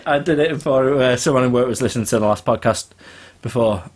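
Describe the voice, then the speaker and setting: A young man chats casually as a podcast co-host. He gets animated in his stories, laughs easily and plays out his own reactions in a mid-range voice. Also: mid-range voice, fairly quick, slightly rough. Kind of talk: casual chat.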